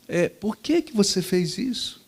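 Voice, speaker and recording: Stern quiet dad, a man putting him on in a sermon story: low, firm, unhurried. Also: very animated, husky, heavily acted. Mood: firm, calm. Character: stern calm father disciplining his young son.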